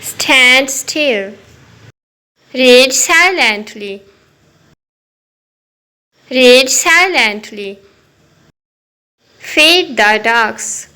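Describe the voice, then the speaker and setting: A woman teaching simple English phrases to children, saying each one slowly and clearly twice. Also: high voice, lively intonation, pushed and bright, low-quality recording. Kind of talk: repeating phrases for learners.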